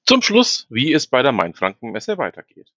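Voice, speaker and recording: Hosting a regional newsletter podcast, a man reads news items with informal asides to listeners, his articulation slightly slurred from a numb mouth after the dentist. His medium-pitched voice is bright and forceful, with huge pitch swings and normal speed. The recording has no echo and the highs are cut off.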